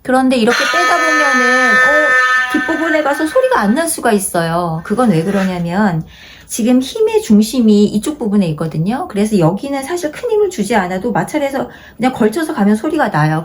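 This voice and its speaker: Patient woman teaching a string lesson. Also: a little high. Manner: patient, repeats instructions slowly while demonstrating. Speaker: haegeum teacher. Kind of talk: step-by-step instrument lesson. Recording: noisy home-video recording.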